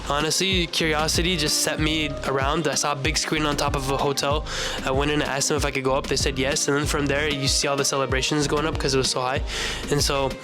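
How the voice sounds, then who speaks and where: A man's voice: fairly high pitch, quick pace, hardly any pauses. Chatty American man vlogging over music. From United States. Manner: relaxed, chatty, many "like" fillers. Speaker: travel vlogger. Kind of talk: casual vlog recap. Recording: loud music bed behind voice.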